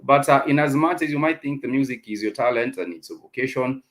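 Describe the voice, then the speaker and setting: A man with a Kenyan accent hosting an unscripted music talk show, speaking haltingly with many ums and repeated phrases. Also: medium pitch, fairly bright tone. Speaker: radio show host.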